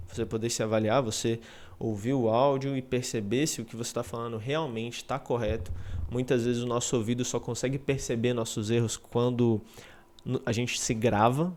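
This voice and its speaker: A man gives a relaxed spoken lesson in a mid-range voice. He talks conversationally, checks in with the listener often, and restarts his phrases as he goes. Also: medium pitch. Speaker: English teacher.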